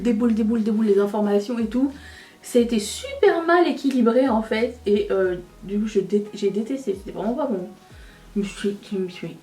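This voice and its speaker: A woman's voice: on the high side, warm tone, far from the mic. A woman chatting casually while doing her makeup, rambling and self-mocking. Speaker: beauty youtuber. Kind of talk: casual get-ready-with-me chat.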